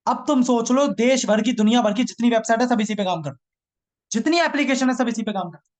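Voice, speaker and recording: A man's voice: extremely high pitch, fast talker. A man teaching a live online programming class, teasing his students and repeating each line twice.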